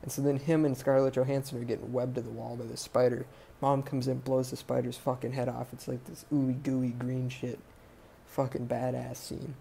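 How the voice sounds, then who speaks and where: Male podcast host, gravelly, warm low tone, rambling profane recap, faint noise behind. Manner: rambling, profane, lots of fillers and self-corrections. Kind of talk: casual movie recap.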